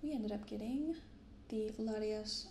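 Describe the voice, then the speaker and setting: Speaking in a soft ASMR hush, a young woman who hosts a card-opening channel takes her time commenting and reading from cards into a binaural mic. Her medium-pitched voice sounds gravelly, with reverb and a little hiss or hum in the recording.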